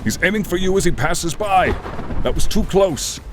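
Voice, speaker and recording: In this fantasy ASMR roleplay, a man becomes a loyal, earnest and brave dragon companion, delivering a dramatic monologue to the listener. His deep voice is expressive, urgent and battle-charged, yet the storytelling stays solemn, grandiose and deliberate. A storm with rain and thunder rumbles clearly in the background.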